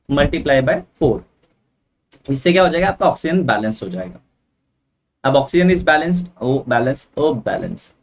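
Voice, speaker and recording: A man teaching a chemistry lesson at a board, chatty and mixing in English phrases, often checking in with "okay, right?". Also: on the high side. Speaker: science teacher. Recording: dull, from a distance.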